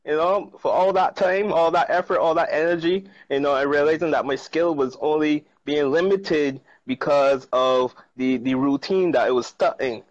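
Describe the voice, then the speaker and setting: A man with a Barbadian accent talks casually over a video call, his voice a touch high for a man and often breaking into laughs. He likes to repeat words for emphasis. The sound is dry and a little muffled, as if through earphones. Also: normal speed, hardly any pauses, no room sound. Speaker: guest, trader and chef. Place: outdoors on a sunny patio. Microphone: earphone mic on a video call.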